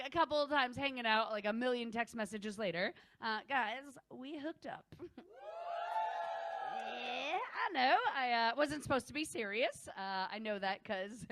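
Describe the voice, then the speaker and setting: Woman, stand-up comedian, fairly high voice, animated delivery, laughs between lines, comedy set. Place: comedy venue room.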